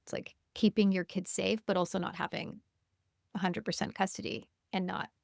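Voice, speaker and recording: A woman hosts a relaxed podcast conversation, thinking aloud and murmuring agreement as her guest talks. Her voice has a gravelly, fry-laced texture at a middle pitch. The recording is dry and close to the mic. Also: moderate pace, dry recording. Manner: reflective, with frequent murmured backchannel agreement. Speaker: podcast host. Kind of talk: conversational interview.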